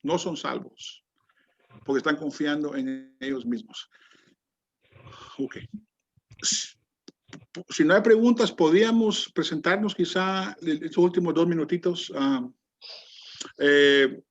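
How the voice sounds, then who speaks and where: A man teaches a Bible class on a video call, lecturing and calling on students in a chatty way, full of fillers and restarted sentences. His fairly high, expressive voice moves slowly with frequent pauses. The video call audio is muffled and lo-fi.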